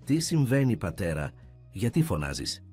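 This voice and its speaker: A man's voice: lowish voice, sing-song, warm tone, husky, soft background music. A man voicing an earnest young blind man, the son of a rich father, pleading and emotional in a read-aloud story.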